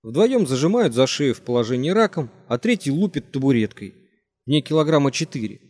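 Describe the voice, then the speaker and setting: Bitter drunk young man, read by a man, ranting, shouting in bursts, audiobook. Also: mid-range voice, big pitch swings, fairly quick. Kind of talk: audiobook character reading.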